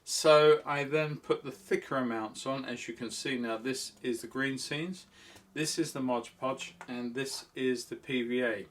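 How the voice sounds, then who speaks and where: A man's voice: mid-range voice, fairly even intonation, a little slow, a bit bright, a little hiss or hum. Chatty middle-aged man rambling about his hobby. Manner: rambling, self-deprecating, chatty. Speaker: model railway channel host. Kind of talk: casual hobby vlog talk.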